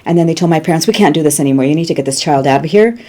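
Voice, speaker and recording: A Cuban-born woman in her sixties, a guest producer telling animated stories in an interview and laughing easily. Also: low-pitched, very fast. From Cuba. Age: 60s. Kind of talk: conversational interview storytelling.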